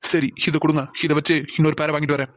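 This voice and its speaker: A man's voice: a little high, level tone, very fast, fairly bright tone, natural voice. A man voicing a cocky teasing young guy. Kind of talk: cartoon voice acting.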